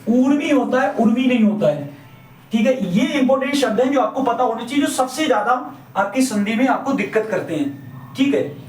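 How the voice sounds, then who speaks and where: High-voiced man teaching in an echoey room. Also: darkish tone. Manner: repeats points and asks the class questions, then answers them. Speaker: Hindi grammar teacher. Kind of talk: classroom lecture. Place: classroom or coaching room. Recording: echoey room, mic at a distance.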